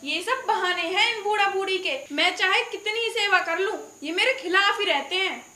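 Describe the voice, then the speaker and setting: An actress playing a harsh young daughter-in-law who speaks in a cold, accusing, sarcastic way in an audio drama. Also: female voice, very high-pitched, normal speed, pushed and bright. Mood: scornful. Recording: roomy voice over background music.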